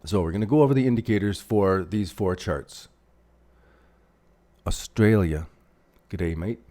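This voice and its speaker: Low-voiced Canadian man rambling over charts. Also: expressive, moderate pace, mellow. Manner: rambling, thinks aloud while drawing on charts; reads out and answers viewer chat. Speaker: crypto livestream host. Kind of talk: casual livestream chart commentary.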